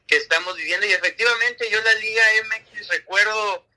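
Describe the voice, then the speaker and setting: Bright-voiced man, eager. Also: high voice, brisk, poor audio. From Mexico City. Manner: eager, talkative, hedging with "si no mal recuerdo". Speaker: podcast co-host. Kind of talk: casual soccer chat.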